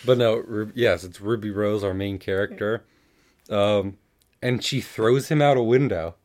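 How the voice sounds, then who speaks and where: A very deep-voiced man chatting casually as co-host of a recap show. He talks loosely, swears freely and drops into quick quoted voices as he retells scenes. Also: a little mellow. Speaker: podcast co-host.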